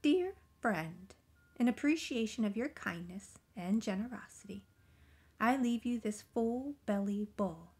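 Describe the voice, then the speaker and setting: A woman reading out the letter of a tiny, polite magical little man in a soft, hushed voice that drops to whispers. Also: mid-range voice.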